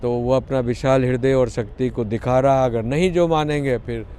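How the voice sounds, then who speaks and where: A man's voice: medium pitch, fairly even intonation, moderate pace, warm tone, slight background noise. A man giving an emphatic, lecturing street interview, mixing in English phrases.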